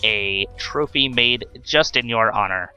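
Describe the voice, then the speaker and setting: A man's voice: lowish voice, unhurried, pushed and bright, smooth, soft background music. A young man hosting a let's play, giving wry, chatty commentary on his gameplay. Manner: wry, chatty, scolding the enemies on screen.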